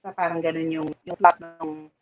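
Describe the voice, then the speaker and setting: A woman's voice: sits low, little pitch movement, normal speed, muffled recording. A woman hosting a casual chat, talking easily and mixing Tagalog with English. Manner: chatty, mixes Tagalog and English.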